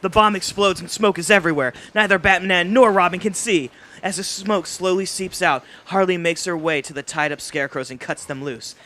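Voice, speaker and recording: A man narrating stage directions in a live script read-through, reading briskly with small slips. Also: high voice, pushed and bright.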